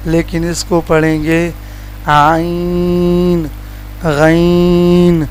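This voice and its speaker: A man from Pakistan teaching Quran letter pronunciation in a plain explaining tone, stretching each letter slowly as a model sound. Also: on the high side, poor audio.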